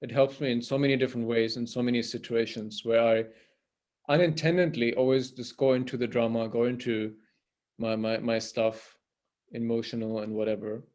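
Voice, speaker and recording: A man talks over a video call in an unhurried, informal way. He stumbles and repeats words as he gathers his thoughts. He keeps turning to his listeners with a questioning "right?". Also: medium pitch, steady tone, darkish tone. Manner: hesitant, repeats words, often asks "right?". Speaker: temple priest and guest speaker.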